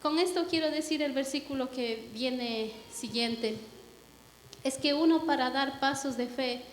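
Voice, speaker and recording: High-voiced woman sharing church testimony. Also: unhurried, a little hiss or hum. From Ecuador. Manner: lively storytelling with acted quotes. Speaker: church member giving testimony. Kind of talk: testimony to a congregation. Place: church hall. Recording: echoey hall with long reverb.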